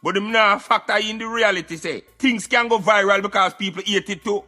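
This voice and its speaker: Playing an opinionated Jamaican Rasta-style radio commentator, a man lectures scornfully in patois with a high, forceful, bright voice. He speaks briskly and emphatically, repeating words to hammer home his satirical social commentary over a light music bed.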